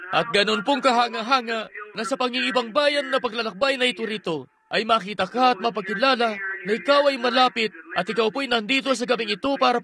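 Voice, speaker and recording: A man preaching a sermon with earnest fervor, telling a healing testimony and leading a prayer. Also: very high voice.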